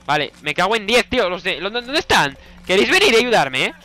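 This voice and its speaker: A young man with a Spanish accent from Spain, giving let's play commentary, excitable and shouting orders at his teammates while swearing constantly. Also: sits high, fairly quick. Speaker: gaming YouTuber.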